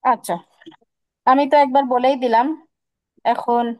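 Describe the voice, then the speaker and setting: A woman teaching Quran pronunciation in an online class, patiently drilling each sound with slow repetition. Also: sits high, steady tone, no room sound, rough recording. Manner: patient, drills sounds by repeating them slowly.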